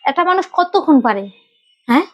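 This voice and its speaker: High-voiced, fast-complaining woman. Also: sing-song, dull audio. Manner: complaining, aggrieved, rapid scolding. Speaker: wife in a family skit. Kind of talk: acted domestic quarrel skit.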